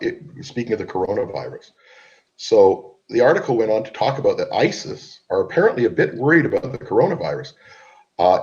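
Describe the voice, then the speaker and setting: A man's voice: lowish voice, a little mellow. A man with a cold hosting a group conference call, chatty and mocking. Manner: chatty, mocking, repeats himself. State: has a cold, coughs when laughing. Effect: conference call audio. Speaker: host. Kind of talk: online group call chat. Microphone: computer call mic. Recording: dull lo-fi online call audio.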